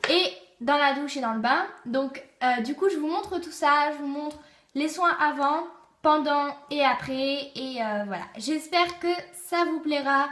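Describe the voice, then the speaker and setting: A woman's voice: sits high, unhurried, a bit bright. A young woman vlogging casually to camera, hesitant, with many fillers and restarts. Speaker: beauty vlogger. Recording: echoey room.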